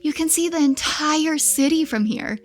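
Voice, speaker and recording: Female actor as loving, wistful girlfriend; ASMR role-play, intimate and gentle, higher-pitched, light music underneath. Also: normal speed, natural voice. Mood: wistful, affectionate. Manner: soft, tender, intimate, giggly. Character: affectionate, lonely young girlfriend on a late-night call.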